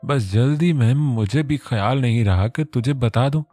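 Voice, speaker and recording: A man doing a fussy, scolding middle-aged mother, lifted above his own pitch. She nags and soothes in a motherly way, recorded close and dry for an audiobook. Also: normal speed, dark tone, no echo, soft background music, lightly acted.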